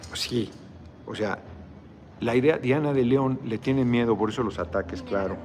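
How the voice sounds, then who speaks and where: A tired, middle-aged man with a Mexican accent and a mid-range, darkish voice talks at a normal pace over slight background noise. He's a politician hosting a live video chat, rambling casually with salty slang and cursing while reading viewer comments aloud.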